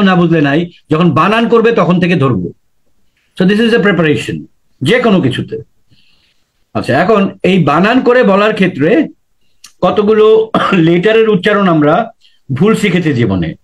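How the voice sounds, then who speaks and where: Male teacher with a high voice and Bengali as his first language, lecture-style lesson with repeated examples. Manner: explains with examples, repeats key points, mixes in English phrases. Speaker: IELTS teacher.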